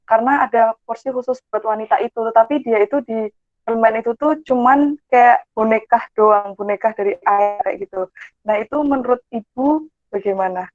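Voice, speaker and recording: A woman's voice: a little high, dry recording. Young woman moderator on a tinny line. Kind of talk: reading audience questions. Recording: dry tinny phone-like call.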